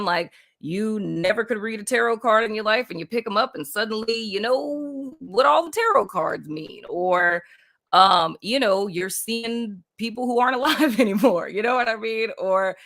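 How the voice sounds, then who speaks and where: Hosting a casual spiritual livestream, a Puerto Rican woman rambles loosely, peppering her talk with "like" and "you know what I mean" and laughing often. Her voice sits at a medium pitch with a fairly bright tone.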